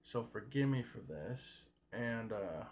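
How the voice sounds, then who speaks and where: A man's voice: mid-range voice, lively intonation, takes it slowly, creaky. A man chatting casually and folksily to his viewers, rambling along in a colloquial way into a phone. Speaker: livestream host. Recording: noisy phone recording with background ambience.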